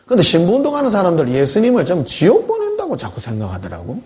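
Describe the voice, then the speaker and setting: A man preaching, his pitch sitting a little high and swinging widely as he talks. He preaches in a conversational, storytelling way and keeps asking the congregation questions. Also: wildly swooping pitch, quick pace, a little mellow. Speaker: pastor. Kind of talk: sermon. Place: church.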